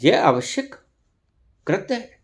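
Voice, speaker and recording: Speaking as a spiritual teacher, this man has a high-sitting, very animated voice. His delivery is deliberate and full of long pauses, and now and then he rebukes his audience through rhetorical questions.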